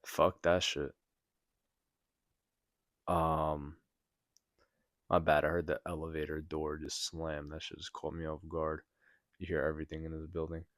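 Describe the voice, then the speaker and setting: A man's voice: extremely low pitch, measured pace, long pauses, no echo, studio quality. A young man hosting a podcast alone, telling a story in rambling casual talk with lots of fillers and swearing, still recovering from being sick. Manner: rambling, heavy filler words and profanity; gets loud and animated retelling a shock. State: recovering from sickness. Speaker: podcast host. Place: apartment building room.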